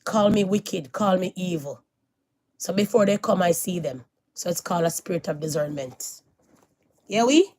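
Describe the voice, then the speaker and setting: A woman's voice: lowish voice, animated, normal speed. Emphatic woman preaching to viewers. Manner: emphatic and moralizing, repeats phrases, swings from loud to hushed. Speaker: vlogger. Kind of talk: casual preachy monologue to viewers.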